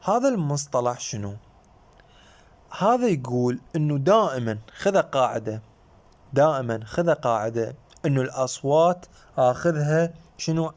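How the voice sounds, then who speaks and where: A man's voice: mid-range voice, darkish tone. A man with an Iraqi Arabic accent giving a recorded university phonetics lecture, often repeating himself, asking rhetorical questions and mixing in English terms. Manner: repetitive, checks in with rhetorical questions; mixes English terms into explanation.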